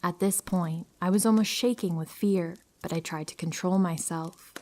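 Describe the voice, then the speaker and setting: Speaking at normal speed, a woman with a rather low voice narrates true horror tales aloud. Her tone stays steady and calm, much like a bedtime story read to help listeners sleep.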